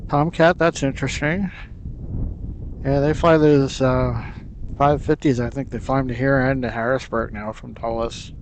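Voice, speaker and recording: A man hosting a livestream with casual, unhurried, musing commentary. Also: mid-range voice, steady tone, rough recording. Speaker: livestream host. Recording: faint outdoor background noise.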